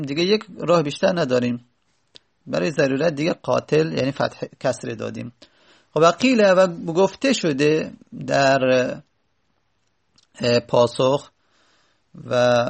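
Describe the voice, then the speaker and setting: Gravelly man explaining a grammar text. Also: medium pitch. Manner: reads an Arabic line, then explains it with many pauses and "uh" fillers. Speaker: teacher.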